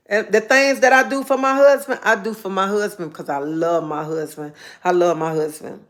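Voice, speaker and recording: A woman, talking in a casual live-stream monologue, earnest and heartfelt, repeating herself for emphasis. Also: mid-range voice. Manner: earnest, heartfelt storytelling with repetition.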